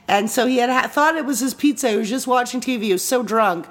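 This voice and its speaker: A woman from Canada trades bar stories on a casual podcast, with a fairly high voice. She tells them in a lively way, swears freely and laughs along. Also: fast talker. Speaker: podcast co-host. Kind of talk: casual chat.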